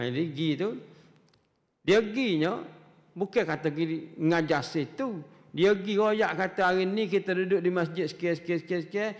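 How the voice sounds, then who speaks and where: A man with a Kelantan Malay accent giving a weekly mosque lecture as a religious teacher, talking conversationally with rhetorical questions and frequent "ha" interjections. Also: fairly high pitch. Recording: long mosque hall reverb.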